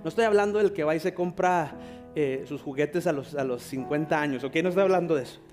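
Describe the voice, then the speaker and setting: A male pastor, preaching a sermon and praying fervently. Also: on the high side. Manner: fervent, slows down to pray. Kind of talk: sermon with prayer. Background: soft guitar music.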